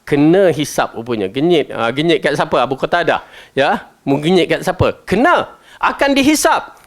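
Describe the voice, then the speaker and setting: A man with a Malaysian Malay accent teaching a Quran commentary lesson, chatty and animated, often asking his listeners questions. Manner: animated, jumps between loud stresses and low asides. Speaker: religious teacher.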